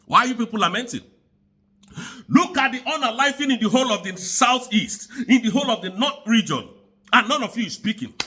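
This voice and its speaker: High-pitched, animated man ranting. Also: a little fast, breathy edge. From Nigeria. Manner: angry, repetitive, preaching tone. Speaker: commentator. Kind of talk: impassioned political rant.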